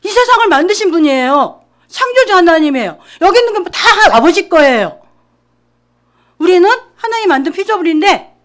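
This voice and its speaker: A woman junior pastor giving an animated children's sermon in church, asking the kids questions. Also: high voice. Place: church during a service.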